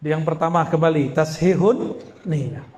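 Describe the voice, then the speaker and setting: A man preaching to a congregation in a lively, conversational way, quizzing the audience with rhetorical questions and slipping in jokes. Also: on the high side, unhurried. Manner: joking asides. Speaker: Islamic preacher. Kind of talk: lively sermon to a live congregation. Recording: echoey hall with faint background noise.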